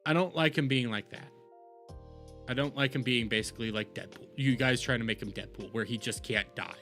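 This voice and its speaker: With faint music playing, this man reacts to videos on a live stream, his medium-pitched voice a bit quick and sharp. The commentary is loose and rambling, full of repetition and plenty of cursing.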